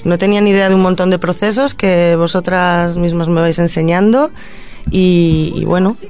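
A woman from Madrid, a social educator and puppeteer, answering questions as a guest in a radio studio in an earnest, reflective way, pausing to gather her thoughts. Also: lowish voice, fairly even intonation, a little mellow. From Madrid, Spain.

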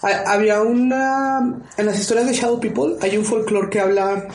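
High-voiced male interviewer, echoey room. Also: steady tone, normal speed, a little mellow, a little hiss or hum. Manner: curious, asks probing follow-up questions. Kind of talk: casual interview questions.

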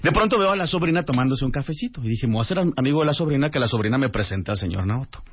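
A man, a radio guest telling a lively anecdote and acting out the dialogue. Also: mid-range voice, very fast, husky. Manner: animated storyteller acting out dialogue. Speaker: radio guest, author and translator. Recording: dull lo-fi radio audio.

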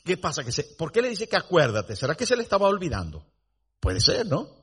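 Emphatic high-voiced man preaching. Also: wildly swooping pitch, fairly quick, a bit bright, breathy edge. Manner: dramatic storytelling, rising to emphatic declarations. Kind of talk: sermon.

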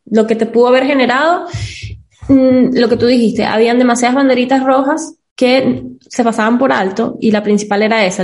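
A woman with a Venezuelan Spanish accent in casual podcast chat, rambling with many restarts. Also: a little high.

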